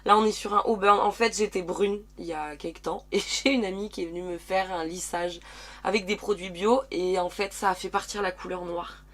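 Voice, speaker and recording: A woman's voice: mid-range voice, steady tone, normal speed, fairly bright tone. A woman in her early thirties recovering from illness, chatting casually and rambling with sighs while doing her makeup in a dressing room at home. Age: 30s. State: recovering from covid, slightly croaky. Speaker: beauty vlogger. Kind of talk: casual makeup tutorial chat.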